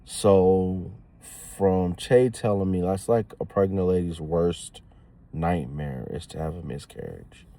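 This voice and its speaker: A young man telling a story in a casual vlog, slangy and animated, swinging from giddy excitement to hushed, somber talk. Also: low-pitched, takes it slowly, gravelly. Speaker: new dad telling a story.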